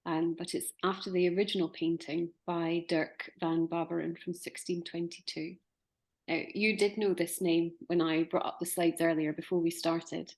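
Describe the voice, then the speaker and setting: Woman in her forties, podcast host; lowish voice, reflective and questioning, with thoughtful pauses. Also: little pitch movement, darkish tone. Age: 40s. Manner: musing, hesitant, posing questions. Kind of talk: conversational discussion.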